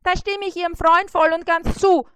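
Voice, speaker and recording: A woman reading a storybook aloud and voicing a fussy, flustered male beetle delivery driver who talks high and fast. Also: little pitch movement, fairly bright tone, no room sound. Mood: prim.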